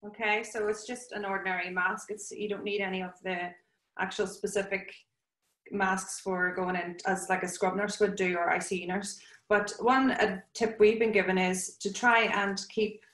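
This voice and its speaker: A woman's voice: mid-range voice, little pitch movement, moderate pace, fairly bright tone. A woman giving a practical, step-by-step spoken demonstration as a nurse. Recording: roomy, echoing sound.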